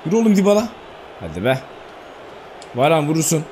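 A man giving excitable live commentary on his football video game, shouting at players and swearing when plays go wrong. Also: on the high side, fairly quick. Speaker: gaming YouTuber.

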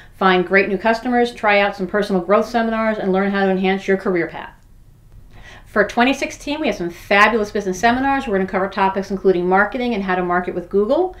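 A woman in her forties promoting a business event to the camera in an upbeat, brisk way, listing the details. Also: mid-range voice. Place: in front of backdrop.

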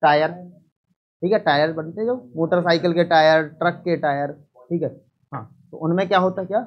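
A man's voice: a little high, moderate pace, dull audio. A man teaching a live online chemistry lesson, repeating each point and quizzing students.

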